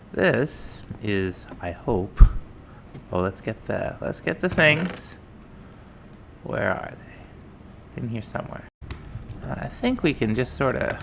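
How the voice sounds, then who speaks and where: A man casually narrating his modded game as a let's play host, thinking aloud in a relaxed, mumbling way, with faint music behind. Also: lowish voice, creaky, a little hiss or hum. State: morning voice. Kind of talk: casual gameplay commentary.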